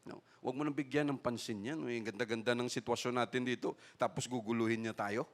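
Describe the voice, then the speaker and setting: A man's voice: medium pitch, steady tone, fairly quick. A man pastor with a Filipino accent, preaching a sermon in mixed languages, checking in with "no?" and acting out the people in the story. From Philippines. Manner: Taglish preaching, frequent "no?" tags, acts out voices.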